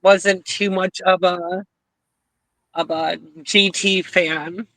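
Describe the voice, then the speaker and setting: A woman with a bright, tense voice chats casually, drifting into asides and laughing easily. The sound is close and dry, with no room around it. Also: fairly low pitch, steady tone, very slow, dry recording. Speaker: podcast co-host. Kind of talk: casual group chat.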